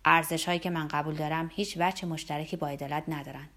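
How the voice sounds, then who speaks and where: A woman reading aloud, voicing a reflective, firm male doctor in a low voice near her own. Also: steady tone, fairly bright tone.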